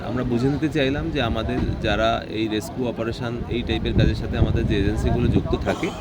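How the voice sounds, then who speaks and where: A man's voice: mid-range voice, fairly even intonation, fast. A man giving an explanatory official briefing outdoors, mixing in English terms. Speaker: district administration official. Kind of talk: press briefing to camera. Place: outdoors at a festival site. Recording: loud outdoor ambient and vehicle noise.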